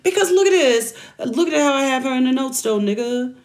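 A woman's voice: high-pitched, brisk. A woman co-hosting a casual, profane movie review chat, acting out scenes as she recaps them. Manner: animated, profane, acts out scenes. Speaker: podcast co-host.

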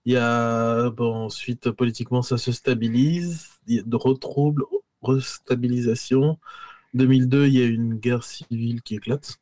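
A man's voice: medium pitch, fairly even intonation, normal speed, a little mellow, dry recording. A man from Côte d'Ivoire, a podcast guest, explaining in an easygoing way with many fillers. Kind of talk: casual interview.

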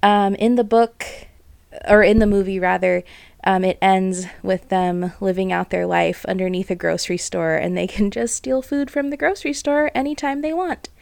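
A young woman reading a picture book aloud, with relaxed, chatty asides describing the pictures. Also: medium pitch, normal speed, vocal fry, clear, resonant tone, no echo. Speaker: storyteller.

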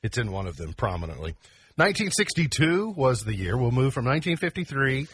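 Husky man, radio co-host. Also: mid-range voice, very animated, fairly quick, a bit bright, no echo. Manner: reads almanac items, then riffs. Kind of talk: casual morning radio chat.

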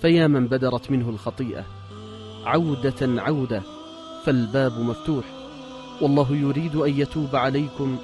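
Earnest male preacher, even-voiced. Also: medium pitch, faint music behind. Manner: measured, earnest exhortation. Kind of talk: sermon.

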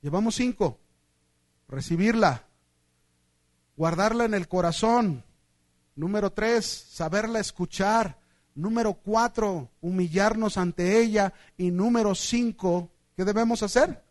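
In a high, lively voice with a Mexican Spanish accent, a man preaches a sermon at an unhurried pace. He animates his stories by acting out the characters' voices, swinging between loud, excited lines and hushed ones. The recording is dry and close, without room echo.

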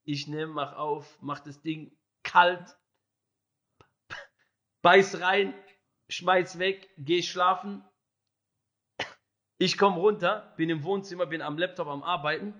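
A young man with a high, bright, forceful voice tells a story at full tilt. He laughs often and slips into impressions of other people along the way. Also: steady tone, takes it slowly, long pauses, lo-fi sound. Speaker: podcast guest telling a story.

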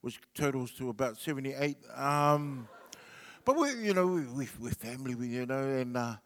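Speaking at a moderate pace in a mid-range voice with lively intonation, this middle-aged New Zealander, a native Samoan speaker, drifts through a relaxed comedy tale full of filler words. A long reverb tail follows his voice.

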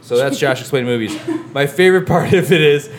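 A man's voice: mid-range voice, brisk, a little hiss or hum. A man co-hosting a podcast in casual chat, joking and laughing often as he steers the talk. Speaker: podcast co-host.

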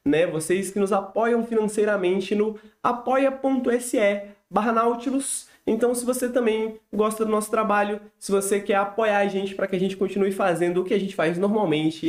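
A man with a Brazilian accent and a smoker's rasp hosts a casual live podcast monologue, with a playfully mock-grandiose manner. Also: high voice. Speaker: podcast host.

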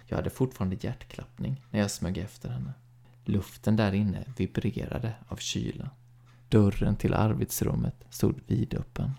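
A man with a gravelly, husky voice reading a horror short story aloud in a calm, measured way, dropping to a hush at times. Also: lowish voice.

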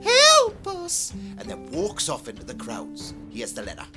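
A man's voice: lowish voice, big pitch swings, moderate pace. A man narrating a tabletop game as game master, bossy and teasing. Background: background music.

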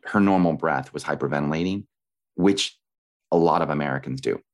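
A man with a low-pitched voice talks as a guest teacher of breathing and meditation. He explains things in an instructive, conversational way, leaning on everyday examples to make his points. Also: fairly quick. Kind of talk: explanatory interview talk.

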